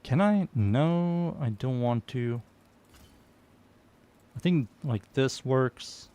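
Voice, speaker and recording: Live-streaming while he plays, a young Serbian-accented man keeps up easygoing chatter, muttering to himself and reading out chat messages. His mid-range voice is smooth and dark-toned, animated yet very slow.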